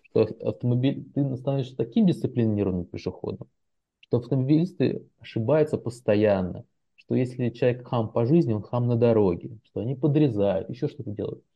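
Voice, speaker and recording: A professional translator appears as an interview guest, chatting casually and telling loose stories full of fillers and restarts in a relaxed way. His mid-range voice is creaky and fairly quick, and the recording has its highs cut off.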